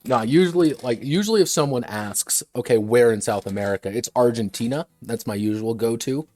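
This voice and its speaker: A man's voice: mid-range voice, fairly quick, a little mellow, faint music behind. A man who designs games, chatting casually on a livestream at his desk, wandering between asides and restarting his sentences. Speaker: game designer streaming a workshop.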